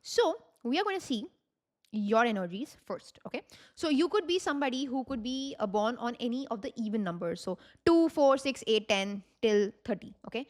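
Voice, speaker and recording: A woman's voice: a little high, lively intonation, moderate pace, a little mellow. A woman with an Indian accent gives an informal tarot reading, mixing Hindi phrases into her English and addressing the listener directly. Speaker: tarot reader and video host.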